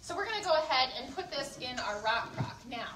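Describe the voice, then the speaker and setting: A woman's high voice has a sing-song lilt and a fairly quick pace as she presents kitchenware through a live cooking demonstration to a group. Chatty and instructive, she keeps checking in with questions. It's recorded in an indoor room at a live event, sounding roomy, with a distant mic and faint background noise.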